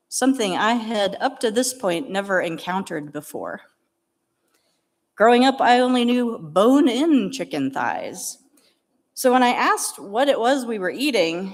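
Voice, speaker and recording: A middle-aged woman pastor giving a memorial eulogy, telling stories with gentle humor. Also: mid-range voice. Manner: warm storytelling with gentle humor. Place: church sanctuary. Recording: long reverb of a church hall.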